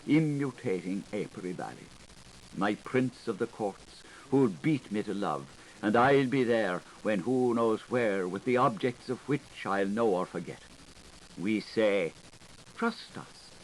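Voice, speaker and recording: On a hissy, noisy 1980s audiobook tape, a man with a lowish voice plays a coquettish, gushing young Irish girl writing love letters. It's a character reading from literary fiction.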